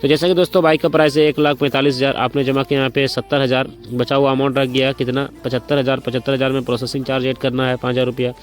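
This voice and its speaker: Fast-talking man explaining bike loan sums. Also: mid-range voice, level tone, soft background music. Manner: repetitive, walks through sums step by step, addresses viewers as brothers and friends; speaking slowly and deliberately by choice. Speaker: motorcycle finance explainer. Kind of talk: casual explainer vlog.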